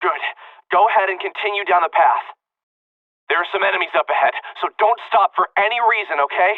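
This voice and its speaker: An actor voicing a brusque young man who gives orders over a radio link, brisk and impatient. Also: high-pitched, no room sound. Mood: instructing. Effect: radio comm filter. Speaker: video game character. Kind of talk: game voice acting. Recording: tinny comm-link filter.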